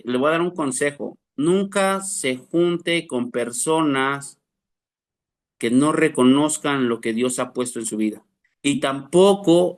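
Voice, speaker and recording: A man preaches to his class at a middle, ordinary pitch. He talks earnestly, pressing his listeners with rhetorical questions. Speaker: pastor teaching a class. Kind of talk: sermon.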